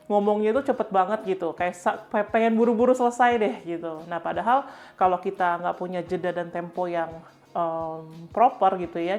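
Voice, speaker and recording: A woman's voice: lowish voice, darkish tone. A woman co-hosting a podcast, talking in an easygoing, chatty way. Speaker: podcast co-host. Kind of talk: casual conversational chat.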